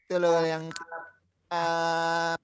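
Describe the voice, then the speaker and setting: Male teacher for young kids, video call, patient explainer, slightly high voice, unhurried. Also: monotone, smooth, highs cut off. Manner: patient, explains by example and repetition. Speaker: primary school teacher. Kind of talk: online class lesson.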